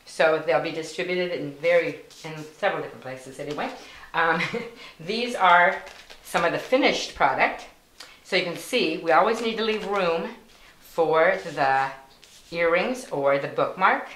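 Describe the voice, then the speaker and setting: A woman with a low, deep-set voice walks through a craft project step by step, patient and plain. The sound is roomy and echoey, with a faint hiss and some clicking underneath. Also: normal speed, fairly bright tone. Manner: patient, plain instructions with fillers. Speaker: volunteer instructor. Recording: echoey room with faint noise.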